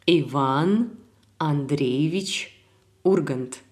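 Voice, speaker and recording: A woman teaching a recorded language lesson, calm and clear, repeating words so learners can practise. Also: deep voice, very slow.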